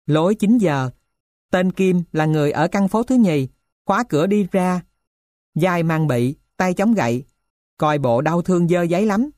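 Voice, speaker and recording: Low-voiced woman reading a story. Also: dry recording, clean studio sound. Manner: even, measured storytelling. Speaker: narrator. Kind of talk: audiobook reading of a novel.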